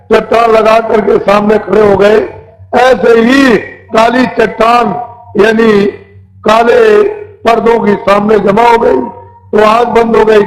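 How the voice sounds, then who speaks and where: A man's voice: sits high, low-quality recording. A man preaching a devotional sermon as a spiritual teacher, instructing in short, simple, repeated phrases. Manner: quizzes listeners with simple questions.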